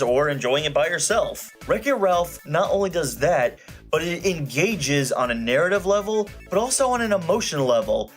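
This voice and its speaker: Fairly high-pitched and a bit bright, this man's voice carries a scripted film review full of strong opinions, sarcasm and casual swearing. Background music plays beneath him.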